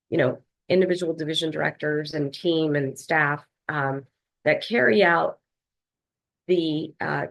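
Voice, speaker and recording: Low, gravelly woman, health department leader presenting over a video call, measured with fillers. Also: fairly bright tone, rough recording. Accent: Philadelphia. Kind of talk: formal online meeting presentation.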